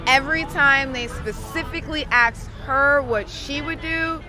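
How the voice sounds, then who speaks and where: A woman's voice: sits high, measured pace, over music. A young woman from Queens giving her views in an emphatic, frustrated way during a street interview. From Queens, New York. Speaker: voter. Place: outdoors on a city street.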